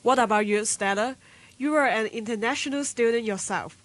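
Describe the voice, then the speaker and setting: A woman's voice: fairly high pitch, normal speed. A woman from Hong Kong co-hosting a radio program, speaking in an earnest, reflective way. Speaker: radio co-host. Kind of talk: scripted radio show hosting.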